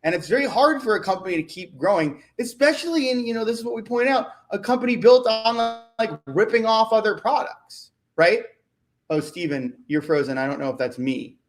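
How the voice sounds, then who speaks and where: A man on a video call talking through stock signals in a casual livestream chat, halting and repeating words and often tagging sentences with "right?". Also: sits high, lively intonation. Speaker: stock market analyst.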